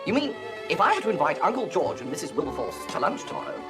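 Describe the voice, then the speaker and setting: An actor playing a genial, flustered young upper-class gentleman who talks in a dithering, hesitant way. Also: fairly high pitch, very animated, fast talker, over loud music.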